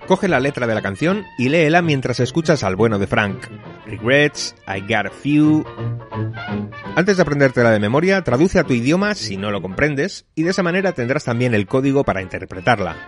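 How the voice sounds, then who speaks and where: A man's voice: mid-range voice, sing-song, quick pace, hardly any pauses. A man giving wry, conversational advice as a contributor to a radio music segment.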